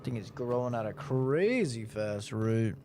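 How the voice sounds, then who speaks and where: A man's voice: medium pitch, lively intonation, unhurried, darkish tone, a little hiss or hum. A man giving casual gameplay commentary as a streamer, talking in a wry, slangy, sweary way. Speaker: video game streamer.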